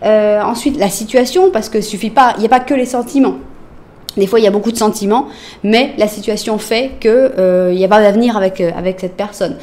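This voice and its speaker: A woman with a French accent doing a casual tarot reading, talking straight to her viewers with lots of fillers and often dropping to a soft murmur as she lays out cards. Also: mid-range voice, a little fast. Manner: chatty, addresses viewers directly, many fillers. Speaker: tarot reader.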